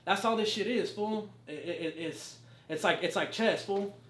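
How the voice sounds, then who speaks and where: A man's voice: high voice, normal speed, a bit bright, echoey room, slight background noise. A man from Southern California, a rapper guesting on an interview, talking casually and passionately in heavy street slang with lots of swearing.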